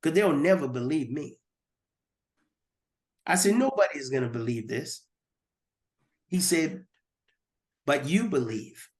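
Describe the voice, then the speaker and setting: A man's voice: a little high, lively intonation, slow, pauses often. A man giving a personal testimony as a guest, earnest and repeating words as he goes.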